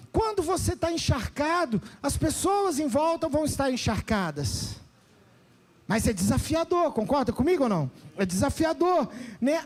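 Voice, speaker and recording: A male pastor preaching a sermon with a Brazilian Portuguese accent, animated and often calling out to the congregation for responses. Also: very high voice.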